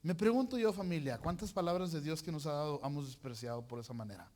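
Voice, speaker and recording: A man preaching a sermon in an animated, joking way, full of colloquial slang. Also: a little high, fast talker.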